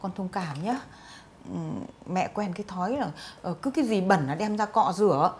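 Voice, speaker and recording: A woman's voice: high-pitched, very animated, quick pace, fairly bright tone. A woman voicing a scheming rural mother-in-law who coaxes and scolds. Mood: coaxing. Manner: chatty, coaxing, then scolding. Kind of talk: dubbed drama voice acting.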